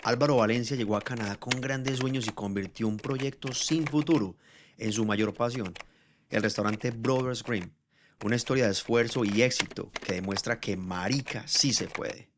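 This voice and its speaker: A man's voice: medium pitch, moderate pace. A man reading a scripted promotional intro for a podcast episode, as an announcer. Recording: clear background noise.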